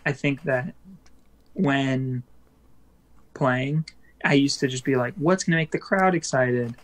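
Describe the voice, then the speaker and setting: A male band musician chats casually as an interview guest, rambling along with lots of fillers and quick laughs. His voice sits in the mid range.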